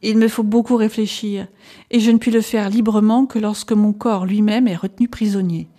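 A woman's voice: medium pitch, moderate pace, mellow, natural voice. A woman reading aloud, voicing a volatile male asylum inmate who swings between scorn and pleading. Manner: erratic, flaring into outbursts then pleading. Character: agitated middle-aged male asylum patient.

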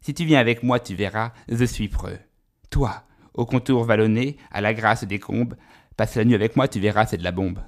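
A man's voice: fairly low pitch, normal speed. A man performing mock-solemn comic recitations in a pompous, grandiloquent manner.

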